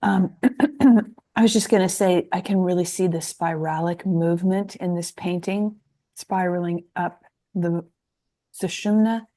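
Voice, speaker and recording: A woman in an online group shares her appreciation of a painting in a softly enthusiastic way. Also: on the low side, steady tone, a little slow. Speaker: group participant. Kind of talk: casual group sharing. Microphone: video call.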